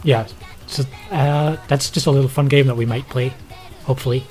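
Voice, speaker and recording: A man's voice: mid-range voice, steady tone, moderate pace, a little mellow, soft background music. A young man co-hosting a podcast, explaining things in casual chat with a hesitant delivery full of ums, from a small home studio. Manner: hesitant, lots of ums and likes. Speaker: podcast co-host.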